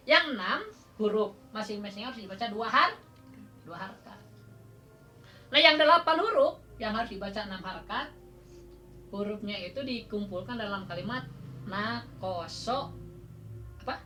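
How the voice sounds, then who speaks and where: Sundanese-accented woman, Quran recitation teacher, crisp clear tone, informal classroom style, asks and laughs. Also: fairly high pitch, pushed and bright. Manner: quizzes students with questions, chuckles often; counts out drawn-out letters as demonstration.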